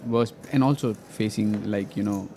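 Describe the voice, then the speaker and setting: A man's voice: fairly low pitch, moderate pace, warm tone, slight background noise. A man giving casual poker analysis in a hesitant, conversational way as a co-commentator.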